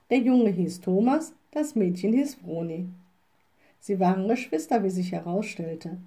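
A woman reading a children's story aloud in a slow, expressive storybook manner. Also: medium pitch.

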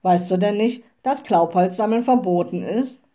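A woman voicing a short-tempered male forest ranger who snaps and blusters loudly. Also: medium pitch, normal speed, lightly acted. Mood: angry gruff.

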